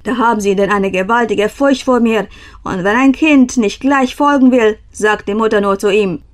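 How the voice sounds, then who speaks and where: A woman voicing a grumpy, bearded male broom-maker in a storybook reading, gruff and grumbling. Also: mid-range voice, normal speed, natural voice.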